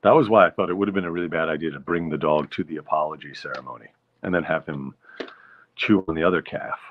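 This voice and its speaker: On a casual stream, a man with a fast bass voice reads viewers' comments aloud and reflects on them wryly and easily. The audio is dull and lo-fi.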